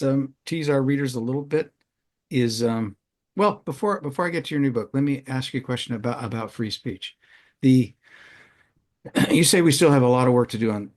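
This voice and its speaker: An older male host in a podcast interview. He asks long questions that ramble and restart before he lands the point, in an ordinary mid-range voice. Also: medium pitch.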